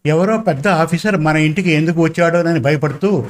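A man narrating a story in steady, measured storybook reading. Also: a little high.

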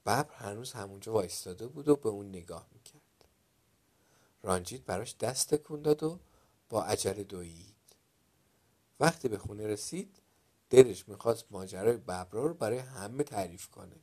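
Brief: male story narrator with a low voice, dramatic delivery from hushed to loud. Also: expressive.

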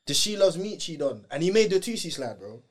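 A man's voice: on the high side, very animated, a little fast. A young adult man with a London roadman accent and heavy street slang, telling stories in a casual chat. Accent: London, urban roadman slang style. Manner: slangy roadman delivery with frequent "innit", "bro" and "fam". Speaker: guest, dancer.

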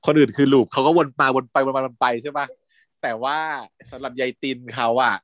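A man's voice: mid-range voice, fairly quick, no echo. A man co-hosting a podcast, casually retelling drama scenes and acting out the quoted lines. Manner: animated storyteller, acts out quoted lines in raised voice. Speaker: podcast co-host recapping a drama series.

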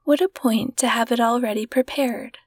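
A woman reading the lines of a brisk, decisive upper-class mother in a storybook reading, on a dry close mic. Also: fairly high pitch, steady tone, no echo, natural voice.

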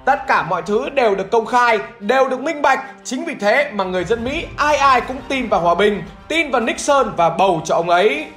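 A woman with a very high voice narrates history from a script. She tells it emphatically and in colloquial words, like a show host. The sound is clearly echoey, with music underneath. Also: animated, brisk, few pauses, fairly bright tone. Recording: roomy echo with music.

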